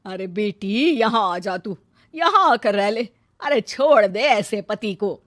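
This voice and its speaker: Woman playing protective middle-aged story mother, mid-pitched, emphatic, very dry recording. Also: animated, slow, a bit bright, no echo. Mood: coaxing.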